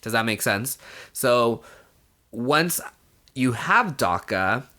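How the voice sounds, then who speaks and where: This vlogger, a young man born in Mexico, recounts his personal story to the camera in a relaxed, chatty style, dropping in "you know" and a curse here and there. His mid-range voice is animated and sharp-toned, though he takes his time.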